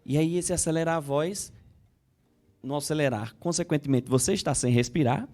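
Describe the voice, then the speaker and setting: A man's voice: fairly high pitch, normal speed, warm tone. A man with a Brazilian Portuguese accent, a psychologist explaining things in an interview, often repeating words as he thinks and acting out inner thoughts. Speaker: psychologist guest. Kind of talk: conversational interview.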